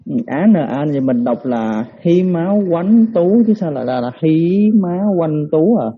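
A man, a student asking halting, repeated questions in an online class. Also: a little high, animated, husky, phone-quality sound. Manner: halting, stammers and rephrases questions.

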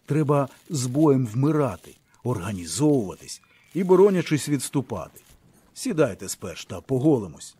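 A man voicing a weary young male soldier who speaks calmly with dry irony. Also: mid-range voice, moderate pace, slightly rough, dry recording. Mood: calm ironic. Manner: calm, drily ironic.

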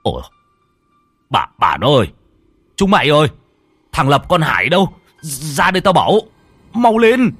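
Coarse greedy older husband, voiced by a male narrator, gruff and cursing; low pitch, dry sound. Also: big pitch swings, normal speed, no room sound, soft background music, heavily acted. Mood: panicked shouting.

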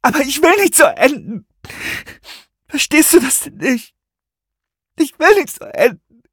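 A man reading an audiobook, voicing a distraught teenage girl in high, pleading outbursts. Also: very animated, unhurried, a bit bright, no echo, clean studio sound, heavily acted. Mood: desperate.

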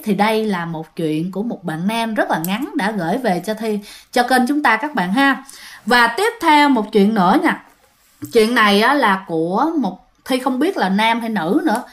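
A woman's voice: a little high, lively intonation, moderate pace. A woman telling ghost stories in a chatty way, talking straight to her listeners, with a phlegmy throat. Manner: chatty, addresses listeners directly. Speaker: ghost story narrator. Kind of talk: casual storytelling narration.

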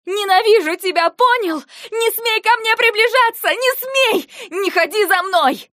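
A woman's voice: medium pitch, fairly even intonation, moderate pace, no room sound, studio quality, close to an everyday voice. A woman voicing a frightened, defiant young heroine. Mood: furious. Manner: emotional, pleading, rising to shouts. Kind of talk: audiobook dialogue.

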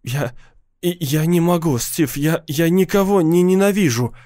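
A man voicing a gentle, hesitant teenage girl who refuses to hate. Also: fairly high pitch, a little slow, pitched above the performer's own voice, natural voice.

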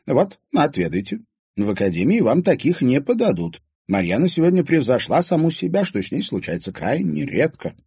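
A teasing, gracious older lady holds court in an audiobook scene, as a man puts her on. The voice is lifted high, husky and lively in its rise and fall. The recording is dry and close. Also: moderate pace, no room sound, full character voice. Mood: coquettish. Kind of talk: audiobook character voicing.

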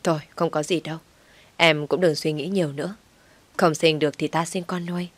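A woman's voice: sits low, fairly even intonation, a little fast. A woman voicing a restrained young husband. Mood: gentle. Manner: pleading, insistent. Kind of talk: audiobook story reading.

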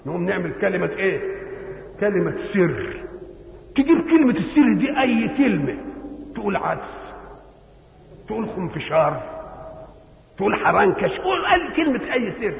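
Egyptian Arabic man, religious lecture, rhetorical questions, high voice, muffled echoey hall recording. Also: sing-song, moderate pace, vocal fry, pauses often. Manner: teaching through rhetorical questions and imagined dialogue. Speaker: religious scholar. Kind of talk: Quran commentary lecture.

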